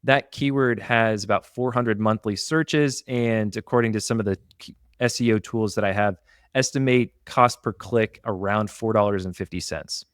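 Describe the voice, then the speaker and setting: A man co-hosting a business podcast, explaining marketing examples in a steady, detailed, casual way. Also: on the low side, normal speed, clean tone, no echo, clean studio sound. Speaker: podcast co-host.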